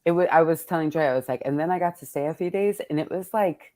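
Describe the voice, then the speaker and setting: Hosting an event with her readers, a poet talks fast in a warm, low-pitched voice. The conversation is casual and reflective, and she thinks out loud in a playful, colloquial manner.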